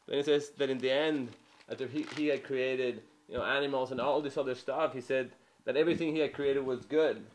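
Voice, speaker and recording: A young man from Mexico delivers a testimony sermon. He talks earnestly and informally, leaning on "you know" as he goes, with a voice of middling pitch. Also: slight background noise. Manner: earnest, conversational, many "you know" fillers. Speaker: preacher.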